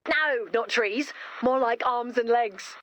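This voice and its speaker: Slow and fairly high-pitched, a woman plays an eager young girl inventor in an animated game. She's enthusiastic and emphatic, treating macabre subjects with cheerful matter-of-factness.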